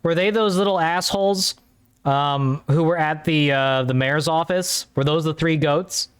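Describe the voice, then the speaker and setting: A man's voice: fairly high pitch, unhurried, clear, resonant tone. A man streaming a story game, talking in a rambling, offhand way and swearing casually. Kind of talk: casual let's-play commentary.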